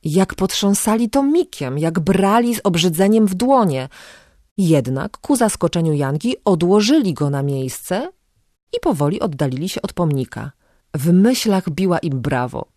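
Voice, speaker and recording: An audiobook narrator reading a novel aloud in an even, measured way. The voice sits at a middle pitch. The recording is dry and close. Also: dry recording.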